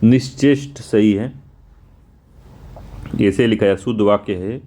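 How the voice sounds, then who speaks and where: A male teacher going through exam answers, spelling words out slowly and repeating them, casual in tone. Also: fairly low pitch, warm tone. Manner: informal, repeats "theek hai" often.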